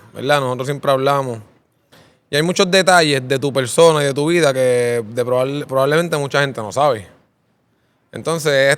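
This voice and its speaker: Male host, upbeat, clear smooth voice. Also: fairly high pitch, a bit bright. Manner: upbeat, repeats "¿verdad?" as a filler. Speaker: interviewer host. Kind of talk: casual interview.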